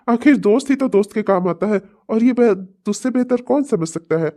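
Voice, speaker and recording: A woman's voice: on the high side, normal speed, mellow, natural voice. A woman voicing a smug, mocking man in a cartoon comedy who taunts his rival and later rages at his wife. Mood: taunting. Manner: mocking and sly, sneering. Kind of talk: Hindi cartoon comedy voice acting.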